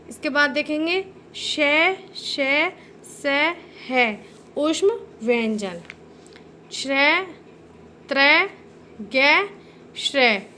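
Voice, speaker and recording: Woman teacher with a Hindi accent, high voice, unhurried lesson delivery, faint hiss under the recording. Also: bright, forceful tone. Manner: slow, careful, drawn-out sounding of letters, addresses listeners as "beta". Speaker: school teacher. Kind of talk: recorded Hindi grammar lesson for young children.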